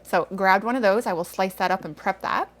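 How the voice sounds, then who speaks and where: A woman's voice: mid-range voice, fairly quick. A woman in her thirties chatting casually through a grocery haul vlog, rambling with self-aware asides. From Canada. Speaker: vlogger.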